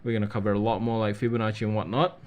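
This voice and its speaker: A man hosting a live trading webinar, reading out viewer questions and answering them in a casual, relaxed way. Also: lowish voice, very fast. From Australia.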